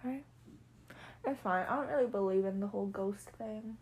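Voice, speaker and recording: A young woman co-hosting a casual chat podcast, telling stories in a giggly, animated way. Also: medium pitch, normal speed. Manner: giggly, animated storytelling with playful voices. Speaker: podcast co-host.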